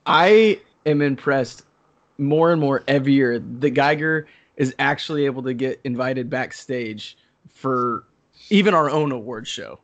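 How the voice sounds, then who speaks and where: A man's voice: mid-range voice, unhurried. A man hosting a podcast as a mock awards emcee, presenting in a casual, joking way.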